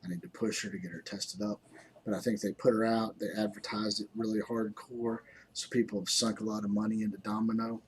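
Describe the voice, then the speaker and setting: A man's voice: fairly low pitch, flat delivery, brisk, slight background noise. A man giving casual game commentary as a gaming YouTuber, rambling and hesitant with many ums, sounding tired. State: tired, yawning.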